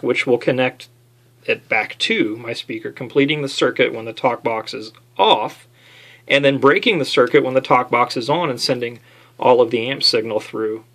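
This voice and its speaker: A man with a mid-range, fairly bright voice talks casually through a hands-on DIY video demonstrating an amp modification, speaking unscripted and with light self-deprecation.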